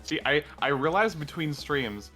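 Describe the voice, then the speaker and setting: A male streamer with a bright, forward voice, chatting casually over a game and reading its lines aloud with a joking edge. Soft music sits in the background. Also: a little high, expressive, measured pace. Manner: jokey, reads game dialogue aloud. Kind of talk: casual let's-play chat.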